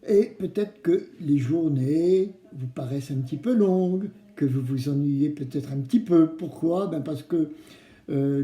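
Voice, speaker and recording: A man hosts a children's craft show, speaking to kids with simple, coaxing explanations and questions. His voice is on the high side and mellow, recorded in a roomy, echoing room.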